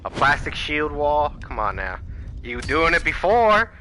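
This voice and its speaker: A man's voice: a little high, sing-song, a little slow, bright, forceful tone, slight background noise. A man ranting casually and profanely while streaming a video game. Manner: profane, rambling, heated. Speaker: gaming streamer. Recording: music playing clearly behind the voice.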